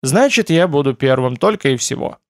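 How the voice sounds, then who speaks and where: A man's voice: medium pitch, lively intonation, fairly quick, dry recording, studio quality, close to an everyday voice. A man reading as a wry young man. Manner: joking, mildly sarcastic.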